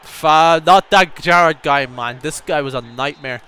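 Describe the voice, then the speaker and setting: A young man commentating his own gameplay, telling a story and bursting into excited shouts at the game. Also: on the high side, measured pace, clean tone. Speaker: gaming YouTuber.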